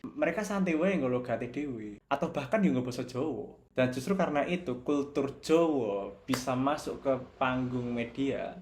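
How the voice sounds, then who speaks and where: A man's voice: mid-range voice, expressive, moderate pace, darkish tone, slight background noise. A young man from Java with a Javanese accent, giving a casual reflective video commentary and slipping between Javanese, Indonesian and English. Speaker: video essayist.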